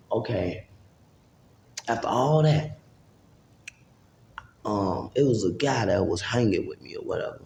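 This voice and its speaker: A man's voice: deep voice, gravelly, darkish tone, echoey room, slight background noise. A man, casually telling a long, profane, rambling story to camera and acting out what people said. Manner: rambling, profane street talk with acted-out quotes. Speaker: vlogger.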